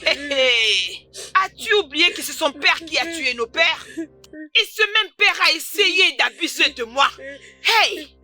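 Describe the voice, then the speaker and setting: Spiteful taunting young bully. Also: female voice, high voice, expressive, takes it slowly, sharp tone, soft background music, heavily acted. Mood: scornful. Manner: mocking, scornful taunts. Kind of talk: dubbed film drama.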